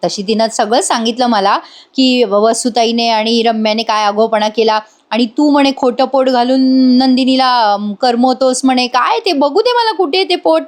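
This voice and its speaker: A woman's voice: a little high, moderate pace, close to an everyday voice. Woman doing a nosy scolding mother. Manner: scolding, prying questions. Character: bossy middle-aged mother, nosy and scolding.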